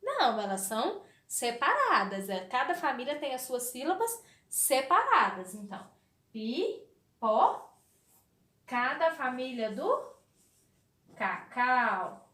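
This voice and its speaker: This primary school teacher, a woman with a Brazilian Portuguese accent, teaches young children a literacy lesson in a high, bright, forceful voice that reverberates. Her delivery is sing-song, slow and drawn out. She asks questions and then answers them herself.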